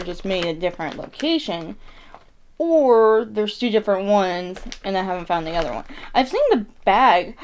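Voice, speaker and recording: Female snack vlogger, mid-range voice, casual and rambling, thinking out loud, some background noise. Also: mid-range voice. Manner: rambling, thinking aloud, self-correcting. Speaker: mukbang host reviewing snacks. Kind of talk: casual vlog chat to viewers.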